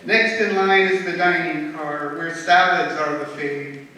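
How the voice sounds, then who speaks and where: A woman reading her own rhymed poems at a talent show in a measured, rhythmic way. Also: sits low, steady tone, sharp tone. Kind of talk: poetry reading. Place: talent show stage in a hall. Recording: echoey hall recorded from far off, faint noise.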